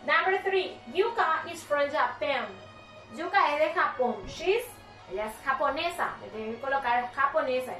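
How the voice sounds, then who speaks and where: A Paraguayan woman teaching an English lesson, slowly explaining and patiently repeating each word. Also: high-pitched, animated, bright, forceful tone, roomy sound, distant mic, soft background music, low-quality recording. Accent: Paraguayan Spanish. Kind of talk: recorded remote class lesson.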